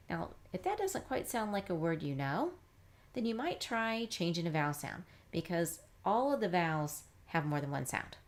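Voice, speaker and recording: Upbeat woman teaching phonics. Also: on the low side. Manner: sounds words out slowly, upbeat and chatty. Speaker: reading teacher, academy founder. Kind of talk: live phonics lesson.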